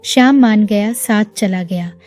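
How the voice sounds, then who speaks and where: A woman storyteller reading a scripted, emotional family story at a steady pace. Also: mid-range voice, unhurried. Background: faint music.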